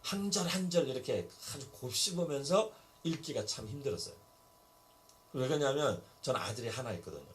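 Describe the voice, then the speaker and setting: A man's voice: mid-range voice, expressive, fairly quick, a little hiss or hum. A middle-aged male pastor preaching a sermon, telling stories and acting out Bible dialogue. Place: church basement hall.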